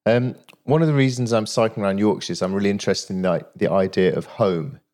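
A man interviewing a guest, asking thoughtful, measured questions. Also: fairly low pitch, a little mellow. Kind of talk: reflective conversational interview.

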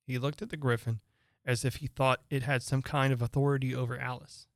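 A host reading a classic storybook aloud in a calm, steady voice of middle pitch. The recording is close and dry, with no room sound. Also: a little fast, no room sound.

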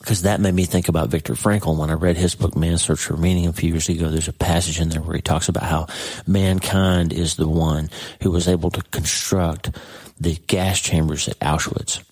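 A man's voice: low voice, fairly even intonation, moderate pace, darkish tone, slightly rough. A middle-aged man hosting a personal faith podcast, talking earnestly and confidingly to his listener. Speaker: podcast host.

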